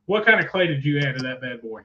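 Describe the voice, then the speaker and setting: A man's voice: mid-range voice, expressive, fast talker, a crowd in the background. A man hosting a casual motorsport interview in a chatty, folksy way. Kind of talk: casual interview, truck and tractor pull talk. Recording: dull lo-fi audio with noise and clicks.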